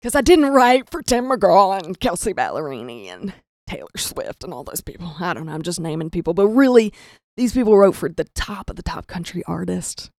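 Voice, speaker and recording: A young woman from the rural American South, a comedian, tells a self-deprecating comic story and acts out the voices of its characters. Her voice is lowish, expressive and darkish, delivered at normal speed in a dry, studio-quality recording.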